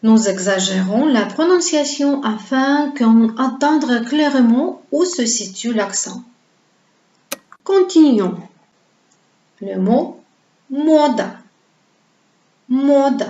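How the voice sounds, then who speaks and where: A woman's voice: fairly high pitch, lively intonation, slow, darkish tone. A woman teaching a pronunciation lesson, explaining patiently and asking her viewers to repeat words after her. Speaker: Russian language teacher. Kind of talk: slow, carefully paced pronunciation lesson. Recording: roomy, slightly dull lo-fi sound.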